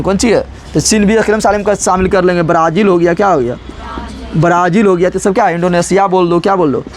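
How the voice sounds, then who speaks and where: Young male teacher, raised pitch, repetitive call-and-response lecturing. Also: slight background noise. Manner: drills students with constant repeated questions. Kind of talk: classroom lecture.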